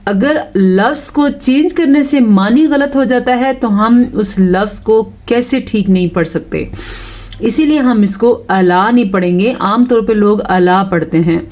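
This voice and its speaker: Slow, patient woman teaching Quran recitation. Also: a little high, darkish tone. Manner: slow, patient explaining with drawn-out recited words. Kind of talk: step-by-step recitation lesson.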